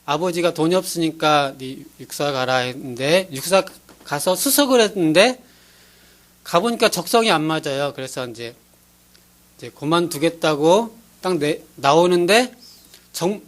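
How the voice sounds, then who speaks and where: High-voiced earnest male pastor preaching. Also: lively intonation, unhurried. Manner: earnest, pleading preaching with acted-out quotes. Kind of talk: sermon.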